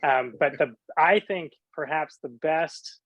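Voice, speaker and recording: A man's voice: on the high side, slow, vocal fry, a bit bright, no room sound. A man, an actor guest, chatting casually with eager, slangy enthusiasm. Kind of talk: casual chat.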